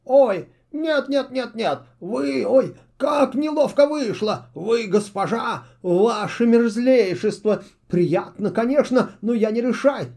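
A man's voice: extremely high pitch, animated, creaky, darkish tone, pitched above the performer's own voice, heavily acted. A man voicing a fawning, cowardly male owl servant in a children's fairy-tale audiobook, whining and flustered. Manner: whining, flustered, slow and drawn out.

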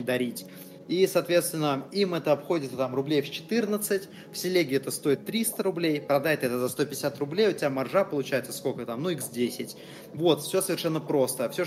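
A man in his twenties, a guest entrepreneur talking casually in an interview, slangy and swearing freely. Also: fairly high pitch. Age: 20s.

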